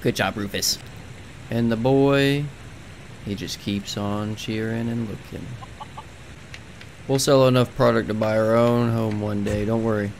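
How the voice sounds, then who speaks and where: A young man giving jokey, playful commentary on his video game, sometimes yelling in mock panic. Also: on the low side, fairly even intonation, a little slow, pauses often, slight background noise. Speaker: gaming video creator. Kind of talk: comedic gameplay commentary. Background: game music.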